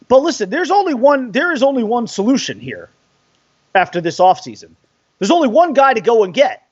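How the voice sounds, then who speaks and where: A man's voice: high voice, no echo. A man hosting a sports podcast, ranting in an exasperated, profane, fired-up way. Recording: dry, dull lo-fi sound.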